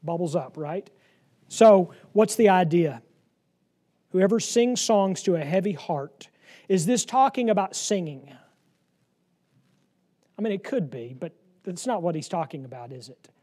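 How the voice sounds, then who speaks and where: A man leading a Bible study class in a room, lively and joking, often laughing as he explains proverbs. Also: high-pitched, a little slow, long pauses, husky. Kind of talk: interactive Bible lesson.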